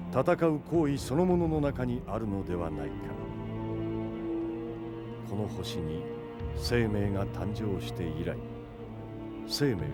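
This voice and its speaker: Brief: epic prologue narrator, slow and grave, anime film dub with loud score. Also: male voice, on the low side. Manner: slow, solemn, declaiming and building in intensity.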